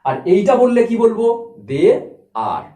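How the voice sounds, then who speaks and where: Man teaching grammar step by step, says each word over slowly, echoey room. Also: high voice, animated, dark tone, far from the mic. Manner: explains step by step, repeats words slowly. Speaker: English teacher. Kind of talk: grammar lesson.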